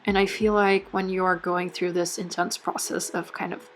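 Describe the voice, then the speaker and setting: In a lowish, flat voice at normal speed, a non-native English-speaking woman casually talks through her bullet journal setup despite having a cold. A little hiss or hum sits under the recording. Her speech is full of fillers and self-corrections.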